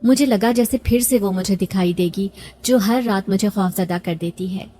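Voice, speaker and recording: A woman narrating a first-person horror story in a steady, suspenseful way. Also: mid-range voice, faint music behind.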